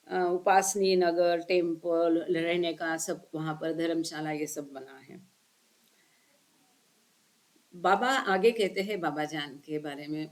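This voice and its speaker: A woman reads a spiritual book aloud passage by passage, then explains each part at length and puts questions to her listeners in an online session. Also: fairly low pitch. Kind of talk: book reading with commentary.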